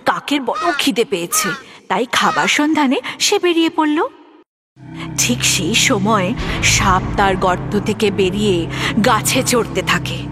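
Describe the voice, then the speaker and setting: Expressive woman storybook narrator. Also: mid-range voice, normal speed, music in the background. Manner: expressive, addresses the young listener.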